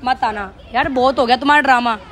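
A man's voice: extremely high pitch, fast talker, a crowd in the background. A man vlogger staging a prank argument, firm and teasing. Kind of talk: prank role-play argument.

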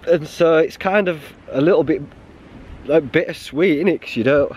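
With a fairly high-pitched, darkish voice, a thirty-something English hiker talks to his close-held camera, sheltering from the wind behind a stone wall on a wintry mountain. He speaks casually but haltingly, subdued and often starting over, while wind buffets the microphone.

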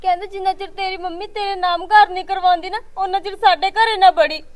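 A woman's voice: extremely high pitch, fairly even intonation, quick pace. A woman playing a meek young married daughter who is crying. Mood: tearful. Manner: meek, plaintive.

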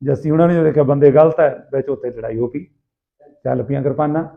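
A man with a Malwai Punjabi accent casually telling anecdotes in rough, earthy, animated banter, acting out people's dialogue. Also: mid-range voice, fast. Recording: tinny, phone-like narrow sound.

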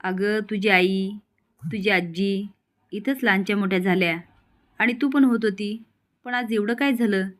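A woman voicing an old, sharp-tongued village grandmother who scolds bluntly. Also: mid-range voice, fairly even intonation, a little slow, long pauses, close to an everyday voice. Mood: coaxing, scolding. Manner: scolding, blunt rustic talk.

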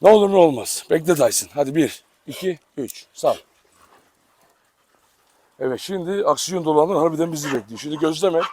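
A man's voice: fairly high pitch, lively intonation, a little fast, mellow. A man hosting a casual dog-farm vlog outdoors, chatting to viewers and coaxing his dogs affectionately. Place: outdoor yard. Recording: noisy outdoor recording.

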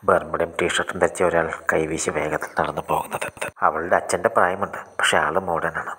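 A man narrates a scripted short story. His voice is deep and husky, with a bright edge. He reads briskly and often drops into a breathy half-whisper. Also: flat delivery.

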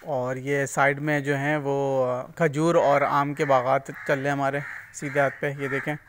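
A farming channel host walks from a road into an open-sided cattle shed, pointing things out to his viewers in a casual walking-tour vlog. His voice is fairly high and a bit bright. A little hiss or hum is present.

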